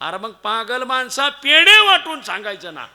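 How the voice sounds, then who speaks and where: A man preaching a devotional kirtan sermon, telling stories with lively swings between loud exclamations and hushed asides. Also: sits high, normal speed, creaky.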